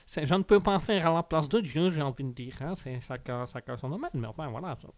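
A man voicing a grumpy, dismissive older woman who grumbles in a low voice, on a dry close mic. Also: fairly quick, no echo, close to an everyday voice. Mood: grumbling.

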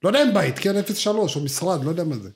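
A young man co-hosting a podcast tells stories in casual slang, rambling along with lots of fillers and restarts during the chat. His voice is high and animated.

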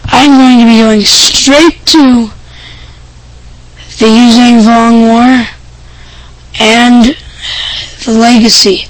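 A woman hosting an amateur podcast with a hoarse, scratchy voice, rambling and offhand as she chats and reads out items. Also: on the high side, steady tone, drawn-out words, long pauses. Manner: rambling, offhand, self-interrupting. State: hoarse voice, clearing throat. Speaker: podcast host. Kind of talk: casual amateur podcast talk, part reading news items.

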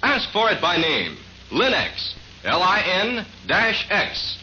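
In a muffled vintage radio recording with faint noise, a male announcer reads a scripted, chipper 1950s sponsor advertisement. His high voice swings hugely in pitch, slow, pushed, and bright, with polished, emphatic salesmanship.

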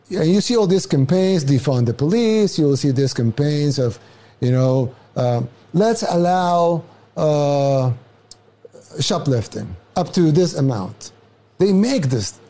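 A man's voice: a little high, mellow. Emphatic man. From El Salvador. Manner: emphatic, repeats himself. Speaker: interview guest. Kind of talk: clip of a political interview.

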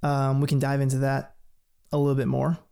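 A man explaining ideas in a relaxed, casual chat, thinking aloud with light laughs. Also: medium pitch, brisk, gravelly, clear, resonant tone.

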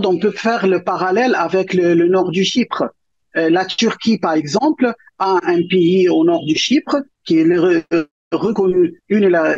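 A man's voice: high voice, darkish tone, muffled recording. A man as a guest analyst on a debate panel, talking hesitantly with many restarts but firm views.

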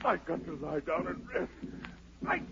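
An actor playing a proud, desperate fugitive emperor with a Southern American accent and anguished, pleading delivery in a radio drama. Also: male voice, a little high, lively intonation, moderate pace, gravelly, very noisy. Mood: frightened, exhausted. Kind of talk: 1940s radio drama acting. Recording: dull 1940s radio broadcast.

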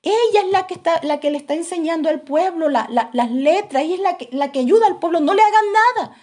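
A woman voicing a frantic male prisoner in a sermon story, shouting in a shrill, excited voice. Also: fairly quick.

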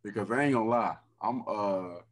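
A laid-back man in his thirties with a low voice hosts a podcast over a video call. He talks casually and easily and keeps dropping "man" and "dog" into his sentences. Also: normal speed. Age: 30s. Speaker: podcast host. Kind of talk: casual chat.

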